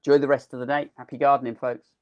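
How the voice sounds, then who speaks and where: Racing along in a medium-pitched, slightly mellow voice with little pitch movement, a delphinium grower gives a live online gardening talk. It's casual and enthusiastic, full of ums, and his voice is thinning out.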